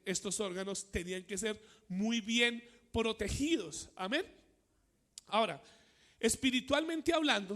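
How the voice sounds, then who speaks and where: A man preaching a sermon, repeating phrases, pausing on fillers and asking the congregation "cierto?". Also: high-pitched, pushed and bright. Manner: many fillers, repeats phrases, asks the church questions.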